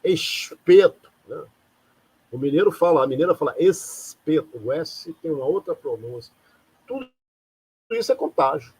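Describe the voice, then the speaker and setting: A man's voice: a little high, animated, normal speed, long pauses, husky, rough recording. A man from Rio de Janeiro giving an informal live lecture in a rambling, conversational way, often asking rhetorical questions. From Rio de Janeiro, Brazil. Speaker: lecturer hosting a live talk.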